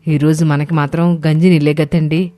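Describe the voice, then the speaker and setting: Give me a woman doing a scolding old mother-in-law in a cartoon, with a deep voice. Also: level tone, warm tone, close to an everyday voice. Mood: exasperated. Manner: scolding, quick. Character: older village mother-in-law, sharp-tongued and scolding.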